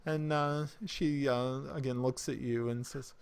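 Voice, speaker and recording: Gravelly-voiced man running a tabletop game. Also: mid-range voice, a little slow. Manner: lively, loose with fillers. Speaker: game master.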